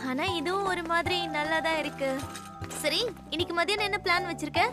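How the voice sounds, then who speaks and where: A woman's voice: extremely high pitch, fairly quick. A woman voicing a carefree, adventurous schoolgirl in a Tamil anime dub, bubbly and encouraging, over background music. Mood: cheerful. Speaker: new classmate.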